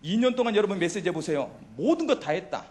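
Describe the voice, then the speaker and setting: A man's voice: high voice, very animated, fast, darkish tone. A middle-aged man preaching a youth worship sermon, who keeps asking the congregation questions and answering them himself. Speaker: pastor.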